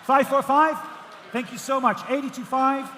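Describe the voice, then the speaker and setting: A man working as an auctioneer, calling bids in rhythmic, repetitive number patter, projecting loudly to a room. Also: very high voice, steady tone, normal speed. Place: large auction room with bidders. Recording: echoey auction hall, faint background noise.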